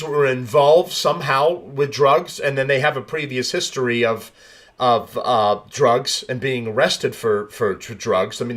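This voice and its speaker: A podcast host with a mid-range, fairly bright voice reads news stories aloud. He keeps restarting and throws in blunt, profane commentary full of rambling asides.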